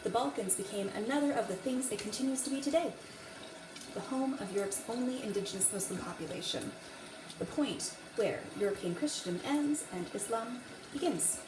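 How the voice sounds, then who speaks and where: A woman host reading a history book aloud in a theatrical, deliberate way. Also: on the high side, expressive. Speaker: host of a dramatic reading series. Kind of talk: dramatic book reading with casual asides. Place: echoey room beside a running faucet. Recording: echoey, distant mic, running tap water noise. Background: running tap water.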